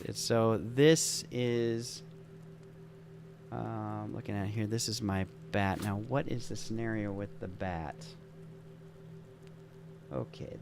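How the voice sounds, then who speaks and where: Gravelly man rambling through game setup. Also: mid-range voice, slight background noise. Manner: enthusiastic, rambling, thinks aloud. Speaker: game master building a scenario. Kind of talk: casual gameplay commentary.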